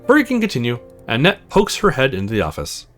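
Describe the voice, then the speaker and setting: A man with a medium-pitched voice talks fast with huge swings in pitch as he hosts a gaming video. In this let's play he reads a visual novel's story aloud and tosses in his own casual remarks, with soft guitar music behind him.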